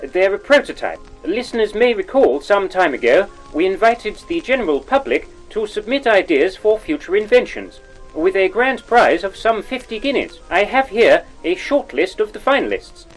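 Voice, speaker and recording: Pompous 1940s wireless presenter, plummy and lively in pitch. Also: male voice, moderate pace, faint music behind, poor audio. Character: pompous lecherous old-fashioned male radio presenter. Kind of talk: 1940s radio acting.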